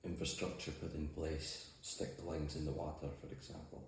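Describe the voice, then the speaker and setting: Here a boat skipper and mussel farmer from Shetland answers an interviewer matter-of-factly, recorded indoors in an office. He talks at a moderate pace in an extremely low voice with little pitch movement. Strong echo and faint noise are audible.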